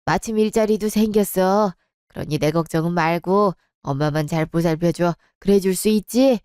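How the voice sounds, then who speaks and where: A woman voicing a resigned middle-aged father who speaks low and heavy in old-fashioned phrasing. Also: moderate pace, a little mellow, clear, resonant tone, dry recording, studio quality, natural voice. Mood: somber.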